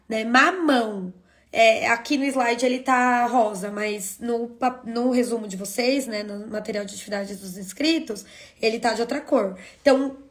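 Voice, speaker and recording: A woman with a fairly high voice teaches an online class in a chatty way. She asks a question, then answers it herself, and often adds little checks like "right?" along the way.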